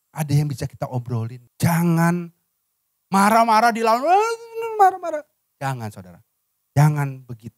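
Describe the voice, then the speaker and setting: A male pastor, preaching a sermon and leading the congregation in reading. His voice drops soft and low at the ends of phrases. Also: no room sound, studio quality. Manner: addresses listeners as "saudara", dropping soft and low at phrase ends; leads congregation in reading aloud by counting.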